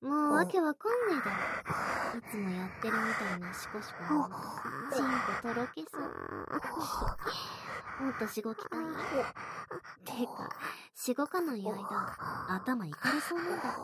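A woman voicing a bratty, domineering young woman in an audio role-play, talking in rough slang and counting out a rhythm. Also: sits high, sing-song, normal speed, very noisy. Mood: teasing.

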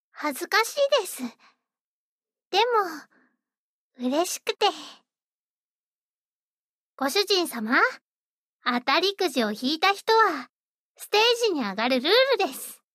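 A woman's voice: extremely high pitch, sing-song, slow pace, pauses often, bright, forceful tone, no echo, studio quality, exaggerated voice. A woman voicing a sweet, eager young maid-café hostess who speaks politely and dotingly. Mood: shy. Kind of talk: roleplay audio drama.

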